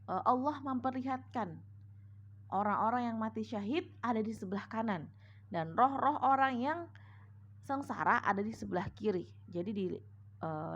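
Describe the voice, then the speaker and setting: A woman's voice: medium pitch, vocal fry. A woman religious teacher telling a story as a lesson, patiently, step by step. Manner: patient, retelling step by step with "nah" and "sama". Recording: dull lo-fi recording with faint hum.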